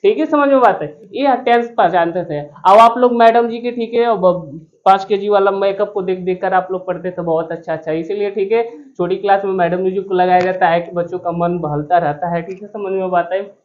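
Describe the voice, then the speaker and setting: A man's voice: sits high, brisk. Male teacher, classroom grammar lesson, repeats questions for the class to answer, cracks jokes, slightly muffled audio. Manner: repetitive question-and-answer drilling; joking asides to students. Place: classroom with students present.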